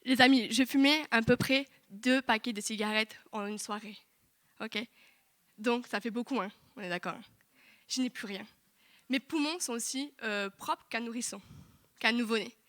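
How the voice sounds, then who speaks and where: A young woman giving a lively, chatty testimony in church, full of asides to the congregation. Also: on the high side, moderate pace. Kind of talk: sermon testimony. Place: church hall.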